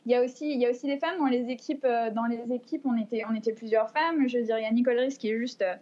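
A woman in her twenties answers interview questions in a fairly high voice, with many fillers and restarts. The sound is dull and lo-fi. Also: fairly even intonation, quick pace, a little mellow. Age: 20s. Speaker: guest, long-distance cyclist. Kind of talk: podcast interview.

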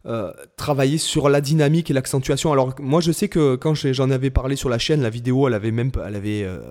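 A man's voice: medium pitch, fast, a little mellow. A man, a guitar teacher who hosts a channel, chatting casually and hesitantly with many restarts. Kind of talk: casual chat.

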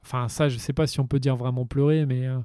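He is a man with a smooth, resonant, mellow voice, recorded dry. He talks casually and rambles with a relaxed flow. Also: mid-range voice, fast, dry recording. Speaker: interviewee. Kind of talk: casual interview answer.

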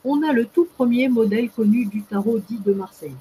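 A woman's voice: a little high, brisk, dark tone, breathy edge, poor audio. A woman explaining as a guest expert in casual talk, hesitant, with many fillers and restarts.

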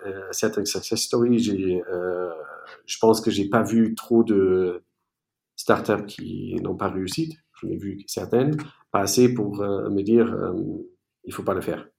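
A man from East Germany, a native German speaker, answering interview questions in a halting way with many fillers and restarts. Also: deep voice, steady tone, creaky, dark tone, reverberant. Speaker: entrepreneur guest.

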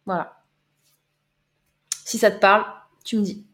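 A woman's voice: mid-range voice, steady tone, measured pace, a bit bright. A woman coach talking casually on a live stream, answering viewers' chat comments in a loose, chatty way with many repeats and fillers. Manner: chatty, loose, repeats words and fills with euh. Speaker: life coach.

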